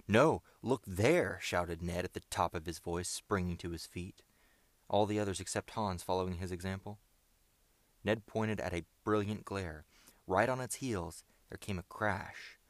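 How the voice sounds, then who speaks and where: A man narrating an adventure novel aloud in a steady, measured reading. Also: sits low, no echo. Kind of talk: audiobook narration.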